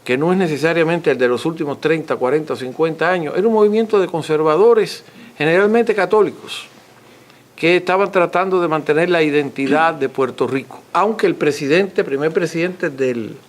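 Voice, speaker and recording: Higher-voiced man, lecturing. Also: fairly quick. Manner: didactic, emphatic repetition, courteous. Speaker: author and lecturer answering audience questions. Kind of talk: extempore scholarly talk.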